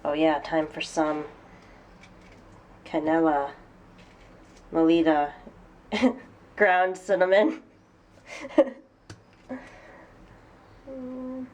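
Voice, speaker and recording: Speaking extremely slowly with long pauses, a young woman records a cooking vlog indoors in her small apartment room and kitchen. Her deep voice is a little mellow but congested and stuffy. Her manner stays casual, upbeat and chatty, with frequent laughter.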